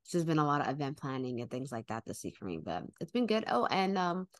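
A woman's voice: low-pitched, sing-song, fast, no echo, studio quality. A woman of about twenty-nine chatting informally as a podcast co-host, with "like" sprinkled through her talk. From not from New York. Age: around 29. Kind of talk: casual chat.

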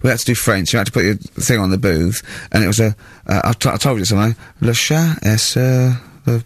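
A man hosting a casual radio chat, telling animated anecdotes and acting out the people in them on a studio microphone. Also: fairly low pitch, fast talker, dry recording. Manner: animated anecdote-teller who acts out the people he describes. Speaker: radio host.

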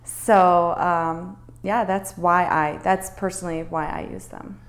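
Slow-talking woman telling her story. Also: on the low side, fairly even intonation. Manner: storytelling, thoughtful, with many fillers. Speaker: podcast co-host. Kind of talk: casual podcast chat.

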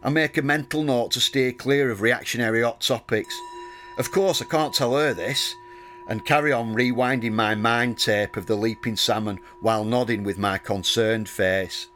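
A man in his thirties narrating a wry, deadpan personal story. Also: medium pitch, moderate pace, a little hiss or hum. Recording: music playing under the voice.

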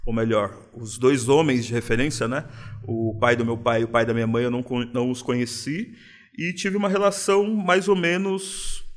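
Paulistano guy chatting as a guest, laid back, reflective, says mano a lot. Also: mid-range voice. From São Paulo, Brazil. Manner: relaxed, reflective, uses street slang. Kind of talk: casual interview.

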